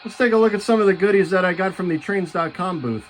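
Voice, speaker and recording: Chatty high-voiced man vlogging. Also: fast talker, faint music behind. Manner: chatty, enthusiastic collector talk with fillers. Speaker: model train vlogger. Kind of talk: casual show-and-tell vlog.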